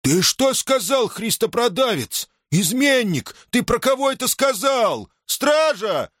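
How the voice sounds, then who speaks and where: Shrill, excited townsmen jostle and bicker in a packed crowd, as a male reader puts them on in an audiobook. Their voices leap high and swing wildly, dry and close with no room around them. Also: a little slow, no echo. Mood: quarrelsome. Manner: excited, jostling, quarrelsome exclamations. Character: agitated townsmen in a shouting crowd.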